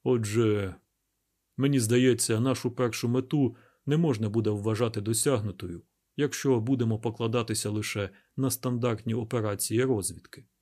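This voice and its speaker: A man reading an audiobook plays a calm, calculating male mayor laying out a plan in a measured, deliberate way. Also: on the low side, lightly acted.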